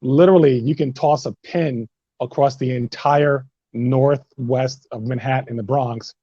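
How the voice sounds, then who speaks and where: A man's voice: medium pitch, fairly even intonation, measured pace, mellow, slightly rough, dry recording, dull audio. A man on a webinar panel telling a story in a vivid, descriptive way. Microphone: video call.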